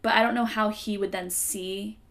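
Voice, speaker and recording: Young adult woman, podcast co-host, heavy vocal fry, casual and wry delivery. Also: medium pitch, fairly even intonation, normal speed, fairly bright tone. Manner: chatty, wry, hedging with fillers.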